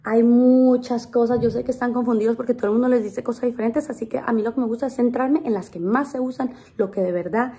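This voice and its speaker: Chatty, mellow-voiced woman teaching English. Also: a little high. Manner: playful, chatty, slows down to model English sounds. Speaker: English teacher and channel host. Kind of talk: casual video lesson.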